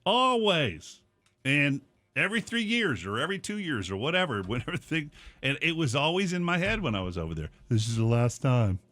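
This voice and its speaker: A man hosting a radio morning show, chatting casually and telling rambling, animated stories in the studio. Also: fairly high pitch, fast, no room sound.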